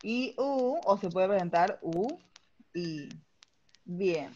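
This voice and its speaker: A woman's voice: on the low side, expressive, takes it slowly, a little mellow, muffled recording. A woman teacher with a Peruvian Spanish accent, explaining a grammar lesson patiently in an online class and checking understanding with frequent tag questions.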